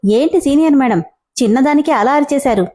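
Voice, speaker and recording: A teasing young college guy, read by a woman narrator in a storybook, light and mocking. The voice sits high and mellow. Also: a little fast, natural voice. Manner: teasing, mock-scared, light. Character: playful teasing male college student.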